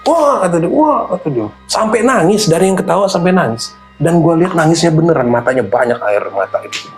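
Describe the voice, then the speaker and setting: A man's voice: a little high, fast, faint music behind. A man, animatedly telling a true horror story in casual slang. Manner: animated, slangy, acts out voices. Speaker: guest storyteller.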